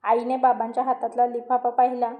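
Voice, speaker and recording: A woman's voice: a little high, brisk, phone-quality sound. Woman narrating a story in an echoey room. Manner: steady storytelling. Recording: roomy echo.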